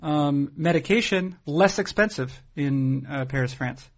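A man hosting a casual podcast in a halting, dry deadpan way. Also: a little high, lo-fi sound. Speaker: podcast host.

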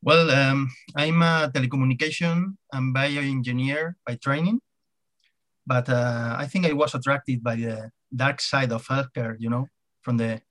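Spanish-accented man, halting delivery. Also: medium pitch, fairly bright tone. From Spain. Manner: hesitant, halting delivery with repeated words. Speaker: podcast guest, hospital CIO. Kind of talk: conversational interview.

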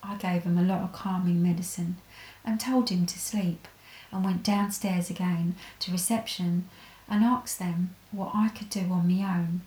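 A woman telling an erotic story in a hushed, breathy, intimate whisper. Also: lowish voice, steady tone, moderate pace, echoey room, poor audio.

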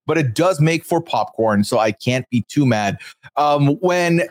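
A male podcast host talks through a recap in a loose, rambling way, often breaking into chuckles. His voice moves around a lot in pitch and sits a bit above the usual for men. The recording is close and dry. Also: expressive, unhurried, no room sound. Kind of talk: casual recap chat.

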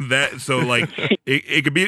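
A man's voice: medium pitch, huge pitch swings, takes it slowly, sharp tone, husky, dry recording, studio quality. A man hosting a podcast, rambling and laughing, swearing freely in casual chat. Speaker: podcast host.

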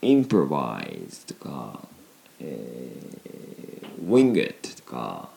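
A young man with a Kansai accent teaching Japanese phrases in a relaxed, chatty lesson, full of fillers. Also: a bass voice, slow, vocal fry, a little hiss or hum. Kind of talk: casual language lesson.

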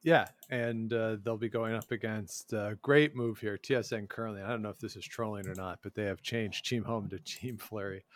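A man's voice: on the low side, fairly even intonation, normal speed, hardly any pauses. A man co-hosting a casual sports podcast, talking with wry sarcasm and chuckling asides. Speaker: podcast co-host.

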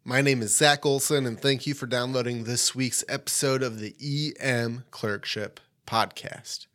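A man hosting an educational medical podcast, teaching in an emphatic, deliberate and informal way with short, repeated points. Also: mid-range voice, steady tone, pushed and bright.

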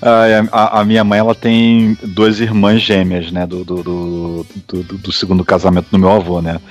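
Low-voiced man speaking hesitantly. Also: little pitch movement, moderate pace, dull audio, faint music behind. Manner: hesitant, repeats words. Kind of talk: casual chat.

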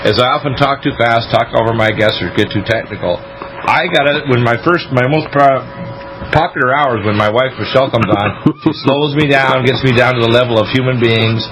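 An American man with a medium-pitched voice hosts a religious talk show. He preaches emphatically and at length, drawing out key words, with faint noise on the radio recording. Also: fairly quick.

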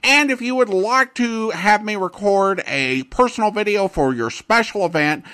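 Guy podcast host, pretty high voice, reading his scripted intro. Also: normal speed, pushed and bright, smooth.

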